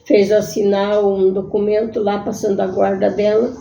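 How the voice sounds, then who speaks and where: A woman telling her own life story in a halting, earnest way. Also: mid-range voice, flat delivery, gravelly, warm tone. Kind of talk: personal storytelling. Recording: echoey room, muffled sound.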